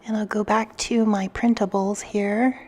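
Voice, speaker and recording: A woman's voice: medium pitch, flat delivery, unhurried, darkish tone, a little hiss or hum. A woman giving a casual craft tutorial as a vlogger, chatting through each step as she works. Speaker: craft vlogger and design team member.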